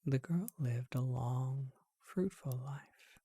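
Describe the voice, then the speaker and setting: In a soft, breathy ASMR whisper, a charming vampire, voiced by a performer at mid-range pitch, slowly and thoughtfully recounts an old tale as hushed storytelling. The sound is studio quality with no echo.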